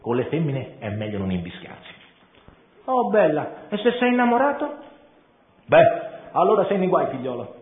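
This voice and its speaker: A man's voice: on the high side, big pitch swings, normal speed, long pauses. A man voicing a cynical, worldly-wise old male chameleon father who lectures his son. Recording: tinny echoey room.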